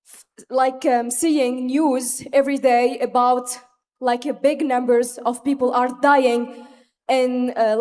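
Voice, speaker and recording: Young Tunisian-accented woman, native Arabic speaker, high voice, earnest halting floor speech, reverberant hall. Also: darkish tone. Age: young adult. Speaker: audience speaker at a youth forum. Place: conference hall, microphone from the floor. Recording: echoing large hall with long reverb.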